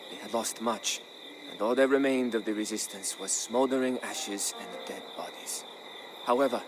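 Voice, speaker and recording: Over clear background music, a man with a medium-pitched voice narrates a dramatic historical tale in a measured, solemn way, much like a scripted game storyline. The recording is rough.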